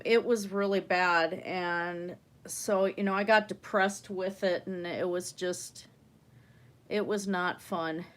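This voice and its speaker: Female livestream art host: slow, relaxed casual chatter, average pitch, slightly wheezy breath. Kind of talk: casual chat while painting.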